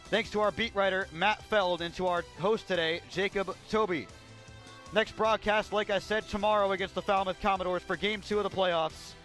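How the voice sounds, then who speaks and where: This radio sports commentary comes from a man doing baseball play-by-play as a broadcaster at an outdoor ballpark. He keeps a measured pace that rises on big plays, and his voice sits high with a fairly bright tone.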